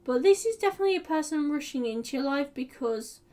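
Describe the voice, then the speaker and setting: A woman's voice: sits high, animated, fast talker, darkish tone, far from the mic. A woman giving a casual, rambling tarot reading on a live stream, with many fillers and hedging words. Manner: chatty, meandering, lots of fillers and "like". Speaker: tarot reader.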